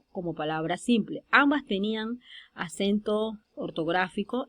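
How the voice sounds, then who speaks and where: Woman teaching rules. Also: medium pitch. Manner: slow, deliberate stress on example words. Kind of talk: spoken grammar lesson over slides.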